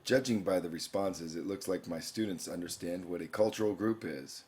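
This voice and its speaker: Speaking at normal speed in a low, darkish voice, a young teacher walks through an online course on a screencast. He narrates what each page contains and reads the questions aloud.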